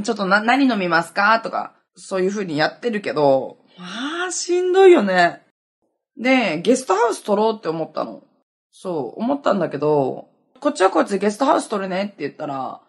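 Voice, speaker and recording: A woman's voice: lowish voice, breathy edge. A young woman in her twenties hosting a casual solo podcast, chatty and self-mocking, laughing often as she talks. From Okinawa, Japan. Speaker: podcast host.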